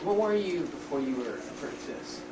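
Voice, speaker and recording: A man fronts a homemade show with casual, informal phrasing. His voice comes from off-mic in an echoey space, with clear background noise. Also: a little high, animated, normal speed. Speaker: mock talk show host and ad pitchman. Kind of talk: amateur talk show presenting. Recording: echoey, noisy, distant amateur camcorder audio.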